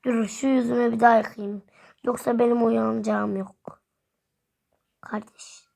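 Woman, mother, high voice, gravelly, comic self-talk vlog, muttering, dramatic. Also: little pitch movement, moderate pace. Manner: mutters to herself, keeps saying a pious exclamation; dramatic, swings between whispers and shouts. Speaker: mother and vlogger.

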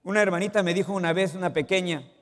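A pastor preaches a sermon. He keeps asking the congregation questions and swings between loud emphasis and quiet asides. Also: high voice, fast. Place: church sanctuary. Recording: long church reverb.

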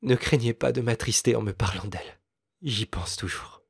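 A man's voice: moderate pace, creaky, husky, dry recording, studio quality. A man voicing a frantic grieving mother. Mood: sorrowful. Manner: breathless, pleading, cries out high. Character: frantic grieving mother, middle-aged woman. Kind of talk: storybook reading.

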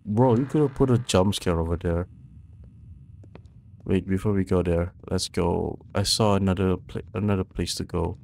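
A man's voice: sits low, moderate pace, creaky, a little mellow. A young man giving casual, nervous, jumpy commentary as he plays a horror game, muttering to himself into a close microphone. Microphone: close microphone on boom arm, headset worn.

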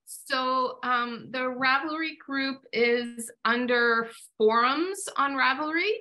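A woman's voice: high-pitched, slow pace, sharp tone, poor audio. A woman co-hosting a knitting video call, explaining steps plainly. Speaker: knit group co-host. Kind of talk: casual group video call.

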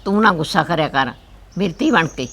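An older woman playing a frail, loving village grandmother who gently consoles her daughter in a family drama. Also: lowish voice, lively intonation, brisk, husky. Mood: consoling.

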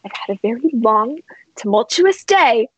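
A man's voice: sits high, brisk, breathy edge, no room sound, low-quality recording. A woman voicing an exasperated, indignant man who has been woken in the middle of the night and pleads to be left alone. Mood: weary. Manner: incredulous, pleading.

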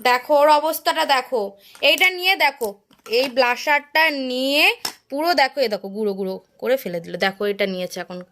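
A woman chatting casually to her viewers in a home vlog, her voice a little hoarse. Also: sits high, lively intonation, quick pace, pushed and bright, slight background noise. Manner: chatty, addresses viewers directly. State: voice getting hoarse. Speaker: vlogger.

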